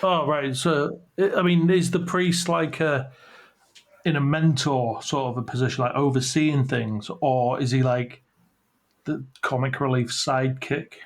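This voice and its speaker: Bloke cohosting, gravelly voice, dry jokey questions. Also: male voice, mid-range voice, steady tone, measured pace. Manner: quizzical, wry, asks joking questions. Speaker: podcast co-host. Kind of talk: casual podcast chat.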